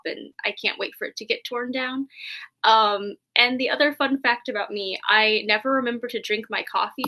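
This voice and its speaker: A woman's voice: on the high side, pushed and bright. A woman from the United States introducing herself as an author on a video call, chatty and upbeat. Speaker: anthology author. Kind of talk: self-introduction on a live stream.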